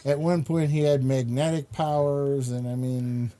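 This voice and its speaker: This man's mid-range voice is mellow and flat, and he takes his time. He talks casually about pop culture, films and comics especially, voicing firm opinions, wandering as he explains, and dropping exasperated asides.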